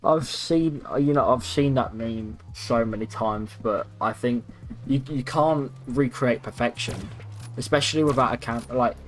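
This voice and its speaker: A young man with a medium-pitched voice speaks at a measured pace while streaming a game at his PC. Music runs behind him as he chats casually and rambles, with a bit of swearing.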